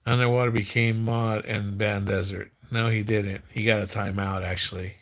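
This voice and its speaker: A man in his fifties chatting casually as a live stream host, with slurred, mumbling speech as if his tongue were half numb, halting and repeating words. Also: fairly low pitch, level tone, a bit bright. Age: 50s.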